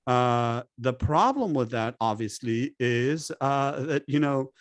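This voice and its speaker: A man's voice: mid-range voice, expressive, slow, no room sound. A man from Lebanon speaking as a guest expert in an interview, making emphatic points and posing rhetorical questions. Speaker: guest expert on public health. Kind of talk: conversational interview.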